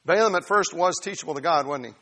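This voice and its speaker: A male preacher giving a sermon, telling a Bible story with lively humor. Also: fairly high pitch, fast. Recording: reverberant hall.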